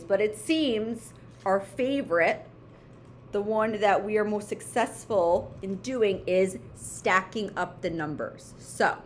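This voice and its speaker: Female elementary teacher, mid-pitched voice, walking kids through homework step by step in short phrases, faint room noise behind. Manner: instructional, breaks phrases into short pieces, checks in with "okay?" and "right?". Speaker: elementary school math teacher. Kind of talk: step-by-step homework lesson for children.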